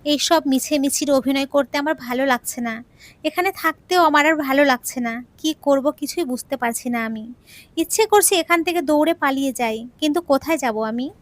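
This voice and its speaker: A woman's voice: high voice, normal speed, dry recording. Sorrowful woman narrating an audio story. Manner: earnest, sorrowful first-person telling. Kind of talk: scripted first-person narration of an emotional audio story.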